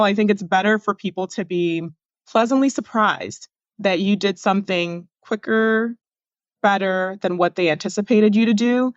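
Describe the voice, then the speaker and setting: Measured woman doctor giving advice. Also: mid-range voice, dry recording, lo-fi sound. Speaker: physician researcher, guest. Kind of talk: podcast interview.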